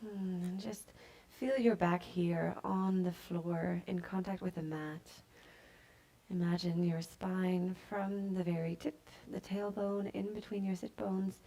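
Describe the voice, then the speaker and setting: A woman yoga teacher guiding a class with slow, soft-spoken calm cues that sometimes drop to a breathy near-whisper. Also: on the low side. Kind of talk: guided yoga instruction.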